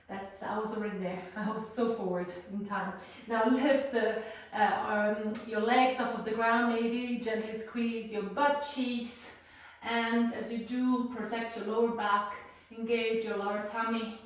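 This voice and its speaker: A woman teaching a guided yoga class, calmly cueing breaths and poses, a little out of breath from moving while she talks. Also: fairly high pitch. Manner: calm cueing of breath and poses, playful asides. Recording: roomy echo, voice far from the mic.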